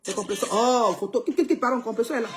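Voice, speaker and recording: A woman's voice: fairly high pitch, racing, loud music behind the voice. A young woman commenting emphatically on a live stream, urging viewers to watch, with frequent cries to God. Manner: exclamatory, calling on God.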